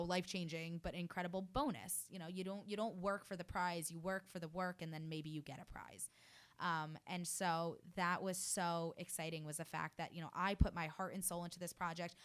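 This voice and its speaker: A young woman in her early twenties from New Jersey, a fashion student telling her story in a radio interview, earnest and effusive with many fillers. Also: on the low side. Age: early 20s. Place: radio studio.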